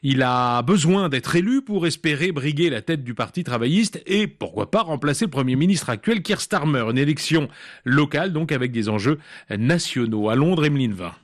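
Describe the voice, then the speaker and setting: A man anchoring a radio news bulletin, reading in a measured way with the odd hesitant filler. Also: a little high, expressive, no echo, studio quality.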